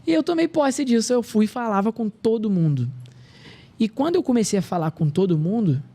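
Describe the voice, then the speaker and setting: Thirties male guest, earnest and reflective, warm dark voice, a bit high-pitched. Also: expressive, fairly quick. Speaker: podcast guest. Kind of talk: casual podcast conversation.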